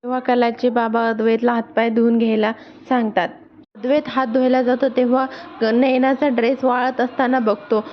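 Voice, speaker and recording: A woman's voice: a little high, little pitch movement, normal speed, a little hiss or hum. A woman casually retelling a serial episode, quoting each character in turn. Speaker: serial recap narrator. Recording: dull lo-fi recording.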